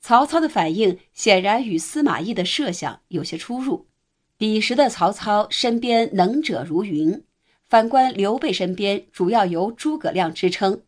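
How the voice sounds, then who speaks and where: A woman narrating a nonfiction history audiobook in a steady, even reading voice. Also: medium pitch, unhurried.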